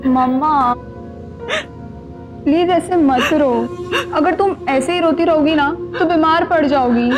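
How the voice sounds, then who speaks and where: A young daughter in a television crime drama, caring and anxious. Her voice is very high and full of puzzled concern, with music behind it. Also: takes it slowly, long pauses. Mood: consoling, puzzled. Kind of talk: Hindi TV crime drama acting.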